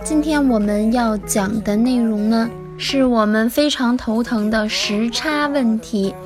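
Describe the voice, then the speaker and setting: A woman English teacher giving a spoken lesson, explaining phrases and repeating them slowly. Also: on the high side, over music.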